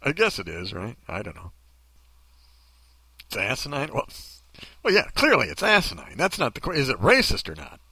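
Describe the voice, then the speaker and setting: A man's voice: medium pitch, huge pitch swings, normal speed, pauses often, pushed and bright, slightly rough, no room sound. A man hosting a podcast in casual commentary, joking and self-mocking. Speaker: podcast host.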